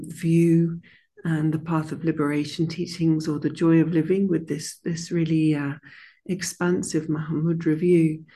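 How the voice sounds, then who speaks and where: In a monastery room, a soft-spoken woman with a deep voice leads a meditation for her online class, slow and gentle, then chats with them as their teacher in a warm way full of fillers.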